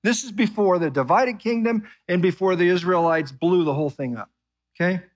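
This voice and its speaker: A man preaching a sermon, who keeps asking his listeners questions and reads scripture slowly and softly. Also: high-pitched. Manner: animated preaching, asks the congregation questions. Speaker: pastor.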